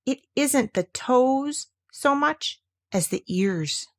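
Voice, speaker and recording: A woman's voice: high-pitched, expressive, slow, pitched above the performer's own voice. A woman voicing a small, timid, anxious young male piglet in a read-aloud storybook, speaking hesitantly. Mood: solemn. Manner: hesitant, tentative.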